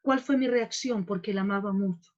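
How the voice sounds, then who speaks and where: A woman's voice: medium pitch, a little fast. Woman pastor giving an emotional testimony. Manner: emotional, heartfelt storytelling. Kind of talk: sermon testimony. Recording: dull lo-fi recording.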